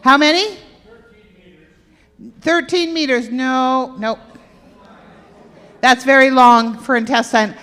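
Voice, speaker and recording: A woman with a somewhat high voice gives a lively workshop talk, teasing and quizzing the crowd as she goes. Her voice echoes through a big hall with a long reverb tail. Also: slow pace, long pauses. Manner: playful, quizzes the audience. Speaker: health workshop presenter. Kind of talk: interactive talk to an audience. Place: church hall with stage and aisle.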